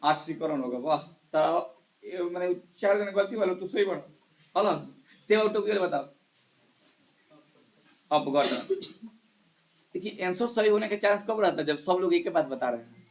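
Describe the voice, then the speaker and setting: A male chemistry teacher in a live class, quizzing students one by one and hushing the noisy ones. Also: high voice, expressive, moderate pace, pauses often. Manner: quizzes students one by one, scolds and hushes them. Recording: echoey classroom.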